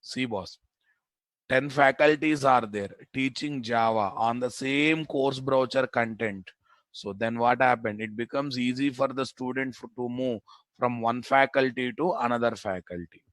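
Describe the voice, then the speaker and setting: A man's voice: mid-range voice, a little slow, a bit bright, no room sound. A man with a Telugu Indian accent giving an informal live technical lecture as a programming instructor, repeating phrases for emphasis and answering his own questions. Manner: informal, addresses students as boss.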